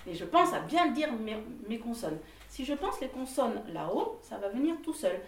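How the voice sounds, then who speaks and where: A woman's voice: on the high side, moderate pace. A woman leading a choir singing workshop, explaining technique with frequent laughs and short sung examples. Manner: lively, laughs often, sings examples. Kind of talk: vocal workshop instruction. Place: room with a group of singers. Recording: echoey room, from a distant mic.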